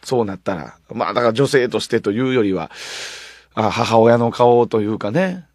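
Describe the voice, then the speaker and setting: A man in his thirties with a Kansai accent, hosting a radio show and chatting casually, telling stories with lively quoted voices. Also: medium pitch, moderate pace, no room sound, clean studio sound. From Kansai, Japan. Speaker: radio host. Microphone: studio mic.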